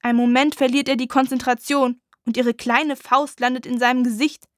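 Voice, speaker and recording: A woman narrates a dramatic audiobook in a slow, hushed, intense reading. Her voice is high and bright. The recording is close and dry, with no room sound. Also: level tone, dry recording.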